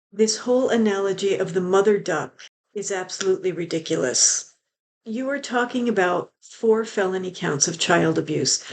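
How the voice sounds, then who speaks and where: A woman hosting her own channel, delivering an indignant, emphatic opinion rant and slowing down to hammer her points home. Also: medium pitch, a little mellow. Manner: indignant, emphatic, slows down to stress words. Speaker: host of a true-crime language channel.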